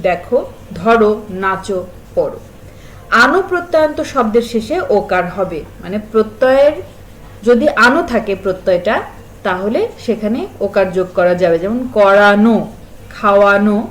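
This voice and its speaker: A woman teaching a spelling lesson to school pupils, slowly listing example words and stressing their sounds. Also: medium pitch, rough recording. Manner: stresses and repeats sounds to show pronunciation.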